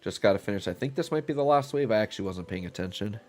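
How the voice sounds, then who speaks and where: There's faint music behind this fast-talking man, whose fairly low voice is stuffy from a cold he's getting over. He casually rambles during a live game stream, relaxed and thinking aloud with plenty of fillers.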